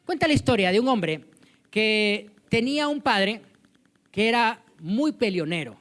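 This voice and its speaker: A man preaches a sermon to a church congregation. He weaves personal anecdotes and light humor into his message. His voice swells louder on the key points. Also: sits high, lively intonation, a little slow. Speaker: pastor.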